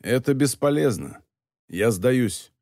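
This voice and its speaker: A man voicing a cool-headed master thief, speaking low and insistent. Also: lively intonation, slow pace, a little mellow, dry recording, clean studio sound. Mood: calm. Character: cool-headed master thief, male, urgent then calm.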